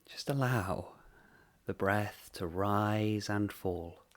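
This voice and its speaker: In an unhurried, gentle guided meditation, a man speaks in brief phrases with long silences between them. His pitch is on the low side.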